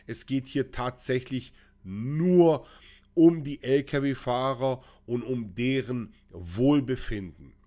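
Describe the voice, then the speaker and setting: A man's voice: medium pitch, darkish tone. A man, ranting sarcastically in a casual opinion vlog, with lots of hesitations, recorded at a desk on camera. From Croatia. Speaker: vlogger and trucking company owner.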